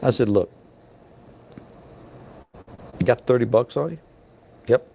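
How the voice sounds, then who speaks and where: A man's voice: mid-range voice, lively intonation, slow, vocal fry, dark tone, slight background noise. A middle-aged man who inspects trucks at a scale, telling a story in a folksy, chatty way with lots of "you know" asides. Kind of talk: casual storytelling.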